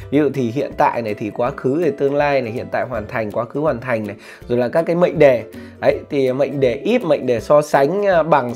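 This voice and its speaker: A man talks casually in a slightly high voice and gives study advice. He rambles, stops for fillers and corrects himself as he goes. Soft music plays under his voice the whole time. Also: dull audio. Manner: says plainly he is not a teacher. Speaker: vlogger sharing study tips. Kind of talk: casual spoken tutorial. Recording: light background music.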